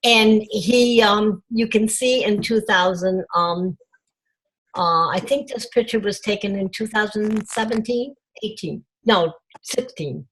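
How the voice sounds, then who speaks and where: An older woman telling a personal story to a support group over a video call, pausing often with fillers. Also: mid-range voice, fairly bright tone, poor audio. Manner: halting, many fillers. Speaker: group member.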